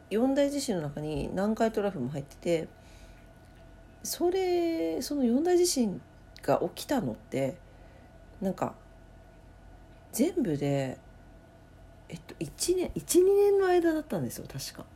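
A woman hosting her own late-night talk show from home, rambling and thinking aloud with many pauses. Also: high voice, very animated, warm tone, breathy edge. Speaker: podcast host. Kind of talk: casual late-night solo chat.

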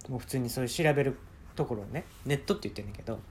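A man's voice: medium pitch, rapid-fire, a little hiss or hum. A man with a Kansai accent, hosting solo and telling a comic story in a casual, conversational way, acting out bits of dialogue. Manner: conversational, acts out quoted dialogue. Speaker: solo podcast host. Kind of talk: casual comedic storytelling monologue.

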